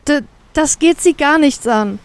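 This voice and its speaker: A woman's voice: high-pitched, animated, a little slow, no room sound, pitched above the performer's own voice. Woman playing a stammering, frightened young captive. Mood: stammering defiance. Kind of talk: fanfiction audiobook reading.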